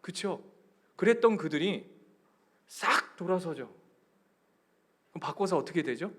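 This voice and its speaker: Korean pastor guy with a gyeongsang accent, high voice, preaching in church, goes from whispers to loud bursts. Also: expressive, measured pace. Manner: swings from hushed near-whispers to loud emphatic cries; asks the congregation questions and leads them in reading aloud. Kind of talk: sermon. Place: church sanctuary.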